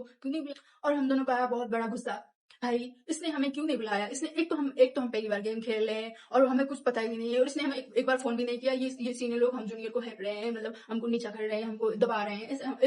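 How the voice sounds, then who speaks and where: A young woman vlogger telling a personal story in casual chat, animated and laughing often, acting out what people said. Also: on the high side. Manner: animated, laughs often, acts out quoted lines.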